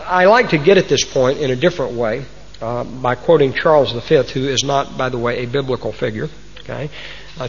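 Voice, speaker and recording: Medium in pitch and a bit bright, with a breathy edge, this Texas-accented preacher delivers a folksy, homespun sermon to his congregation and leans on old sayings. A large hall gives the muffled recording heavy reverb.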